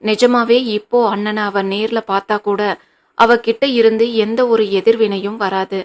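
A woman's voice: medium pitch, flat delivery, measured pace, natural voice. A woman voicing a tearful young wife who pleads earnestly with her husband in an audiobook reading.

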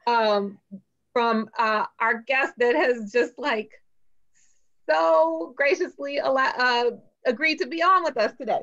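A woman's voice: a little high, a bit bright. A woman co-hosting a podcast, chatting casually in a loose, giggly way and introducing a guest. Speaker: podcast co-host. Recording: dull lo-fi sound.

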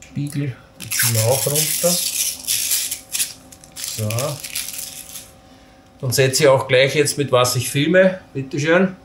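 Speaking slowly with long pauses, this medium-pitched man gives a hands-on tutorial on putting camping gear together, narrating each step as he handles the pieces and joking about his own slip-ups. His casual delivery is captured in a roomy echo with faint background noise.

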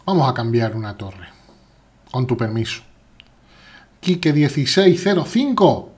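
Man, Spain Spanish accent, husky voice, animated swings in pitch, playful live chess chatter. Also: measured pace. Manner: chatty, playful, reads chat aloud while playing. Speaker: chess streamer. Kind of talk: live chess stream commentary.

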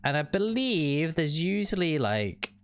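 A chatty, upbeat man talks through a co-op game as he plays, thinking out loud. His voice is animated, rising and falling a lot. Game sounds and gunfire come through clearly underneath. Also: a little high, a little slow, a little hiss or hum. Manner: chatty, upbeat, thinks aloud while playing. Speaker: gaming channel host. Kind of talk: co-op gameplay commentary.

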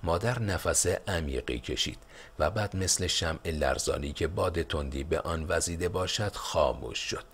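A man narrating a historical novel as an audiobook in a measured storytelling manner. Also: sits low, slightly rough. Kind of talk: scripted narration.

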